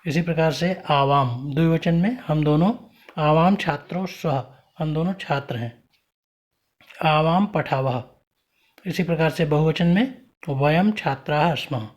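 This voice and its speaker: A man teaching a Sanskrit grammar lesson, reciting word forms one by one and explaining what each means. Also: on the high side. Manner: slow, deliberate recitation of word forms, each followed by its meaning.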